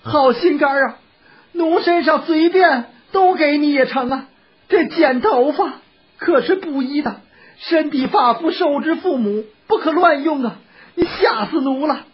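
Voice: high voice, normal speed, voice pushed up, close to an everyday voice. A storyteller voicing a young concubine with a wheedling, sobbing manner, in a dull lo-fi recording. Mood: coaxing. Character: pleading young concubine, tearful and coaxing.

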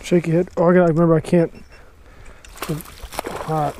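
Excitable young man out fishing. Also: on the high side, a little fast, a little hiss or hum. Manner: excitable, chatty, lots of exclamations. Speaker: fishing vlogger. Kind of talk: casual outdoor chat while fishing. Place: outdoors on a bass boat on a lake. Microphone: action camera mounted on the boat.

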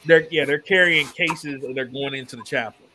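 A man's voice: medium pitch, normal speed, bright, forceful tone, a little hiss or hum, low-quality recording. A man narrating as the game master of a tabletop game, in a laid-back, loose storytelling way. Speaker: dungeon master.

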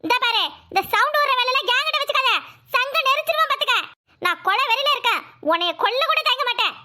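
A woman's voice: very high voice, expressive, fast talker, bright, forceful tone, full character voice. A woman voicing a harsh, scheming mother-in-law who scolds and threatens. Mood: scolding.

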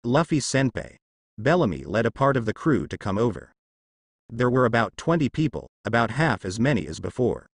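A man narrating a story in a steady, scripted storytelling manner. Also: medium pitch, a little fast, dry recording, clean studio sound.

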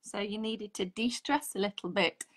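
A woman's voice: mid-range voice, normal speed, fairly bright tone. A woman in her forties, a holistic therapist, chatting earnestly as a guest on a video call. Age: 40s. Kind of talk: casual video-call chat. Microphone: video call, audio only.

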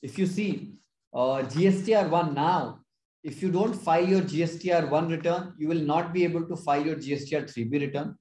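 A man with an Indian accent explaining as a consultant in a webinar, haltingly, often repeating and rephrasing his phrases. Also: a little high, darkish tone. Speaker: tax consultant presenting a webinar. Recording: roomy, echoing webinar audio.

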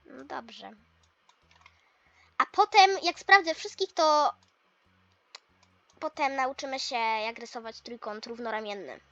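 A woman's voice: a little high, slow pace, pauses often, pushed and bright, no echo, highs cut off, exaggerated voice. A woman playing a chatty male math teacher. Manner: explains step by step, mildly teasing. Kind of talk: toy role-play lesson.

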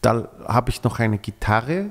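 Male comic guest, Swiss German accent, animated anecdote teller, mid pitch, reverberant room sound. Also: unhurried. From Switzerland. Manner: lively storyteller, acts out quoted voices. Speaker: comedian guest. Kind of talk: casual chat.

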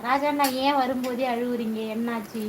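A high-pitched woman with a Tamil accent runs a chatty live stream from her kitchen, cooking as she greets viewers one after another. She talks into a phone, with faint noise in the background. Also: fairly even intonation, brisk. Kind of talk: casual live chat reading viewer comments.

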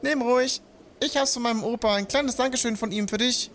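A man's voice: extremely high pitch, fairly quick, fairly bright tone, faint music behind, pitched above the performer's own voice. A man voicing an eager, grateful young village boy in a video game.

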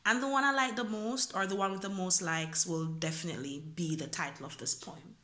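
Close up to a phone camera in a small, echoey indoor room, a young Jamaican woman performs a freestyle spoken word poem, earnest, searching, and full of questions. Her voice is lowish, fairly bright, and fairly quick.

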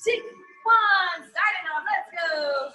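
Woman, aerobics instructor, piercingly bright, slow-paced counts, encouraging shouts, gym recording. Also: very high voice, faint music behind. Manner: peppy, encouraging shouts and cheers. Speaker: group fitness instructor. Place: large indoor gym. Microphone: a few feet from the camera.

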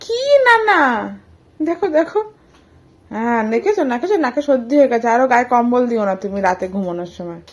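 A woman's voice: a little high, lively intonation, quick pace, darkish tone. A woman with a Bengali accent, a mother vlogging at home and coaxing her small child in a sing-song voice. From India. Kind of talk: casual home vlog talk to a toddler.

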